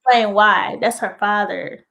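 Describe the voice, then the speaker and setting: A woman's voice: medium pitch, unhurried, creaky, a little hiss or hum. A woman co-hosting a casual chat show, teasing and talking straight to her audience. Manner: animated, teasing, talks to the audience. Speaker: co-host.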